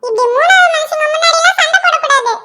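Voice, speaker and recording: A woman's voice: extremely high pitch, fast talker, pushed and bright. A woman voicing a henpecked male lizard who coaxes and pleads with his wife in a cartoon. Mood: pleading. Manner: pleading, coaxing. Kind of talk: cartoon voice acting.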